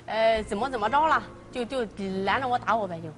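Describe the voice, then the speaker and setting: Very fast, agitated woman complaining. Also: fairly high pitch, slight background noise. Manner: agitated, stammering, keeps asking "right?". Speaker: party in a family dispute. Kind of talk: heated complaint to a mediator.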